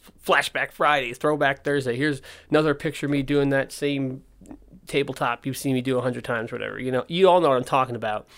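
A man talks into his podcast in a loose, informal way. His missing front teeth give his speech a slight lisp. He rambles candidly and often cuts himself off to rephrase. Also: mid-range voice. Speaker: podcast host and skate park owner. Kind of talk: casual solo podcast talk.

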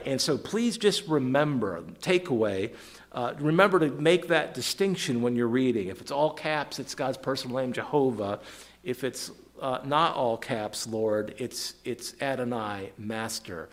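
A man leading an evening Bible study, reading verses aloud with emphasis and quizzing listeners by name, often repeating words as he restarts. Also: mid-range voice.

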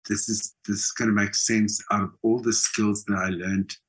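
This skills trainer, a middle-aged man with a South African accent, speaks at normal speed with a lowish, slightly rough voice and flat delivery. As an interview guest he tells stories in a relaxed, conversational way, frequently making sure the listener is following. The recording is rough.

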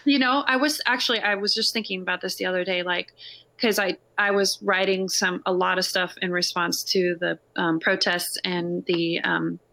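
A woman's voice: lowish voice, fairly even intonation, moderate pace, gravelly, pushed and bright. A woman songwriter talking casually about making music, rambling with lots of "like" and "you know". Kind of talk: casual conversation.

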